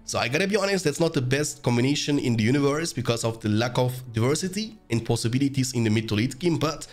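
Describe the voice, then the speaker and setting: Fast-talking hoarse man commentating a game. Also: medium pitch, animated, faint music behind. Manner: quick, explanatory coaching. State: hoarse from being sick. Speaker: gaming channel host. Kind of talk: gameplay commentary.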